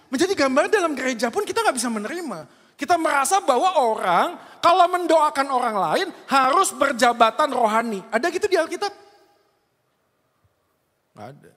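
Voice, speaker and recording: Indonesian male preacher, high-pitched, casual and lively delivery, long church-hall reverb. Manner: lively, conversational, mixes in English words. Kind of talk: sermon.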